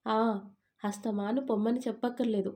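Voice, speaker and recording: A woman's voice: fairly high pitch, steady tone, normal speed, dark tone, lightly acted. A woman voicing a sulky, talkative young newlywed wife in an audio story, complaining in a pouting tone.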